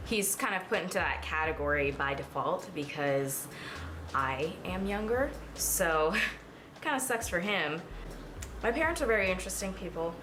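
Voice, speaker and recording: Young woman in her twenties, casual beauty vlogger, chatty and rambling, lower voice. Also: background noise. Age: 20s. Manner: rambling, chatty, lots of fillers. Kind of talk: casual chat while doing makeup. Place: at home in front of a mirror.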